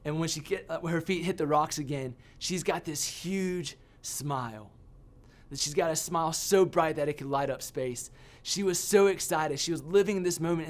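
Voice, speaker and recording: A man giving a sermon as a youth pastor, telling a personal story with animated, self-mocking humor. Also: fairly high pitch.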